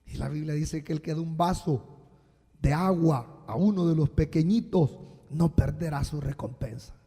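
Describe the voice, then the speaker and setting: A man preaching a sermon as a pastor, slow and emphatic with sudden loud bursts, recorded live in a church. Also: on the high side, breathy edge. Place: church sanctuary. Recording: live church hall with long reverb.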